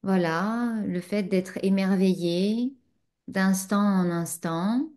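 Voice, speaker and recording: A woman spiritual teacher whose first language isn't French responds to a student during a satsang. Her voice is medium-pitched and darkish, and she sounds reflective, pausing often with fillers.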